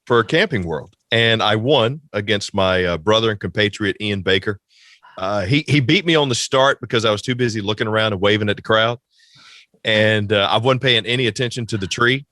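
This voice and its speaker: A man's voice: fairly low pitch, a little fast, dry recording, clean studio sound. A man hosting a podcast, telling stories casually and acting out quotes in a raised voice. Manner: animated storyteller, acts out quotes in a raised voice. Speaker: podcast host.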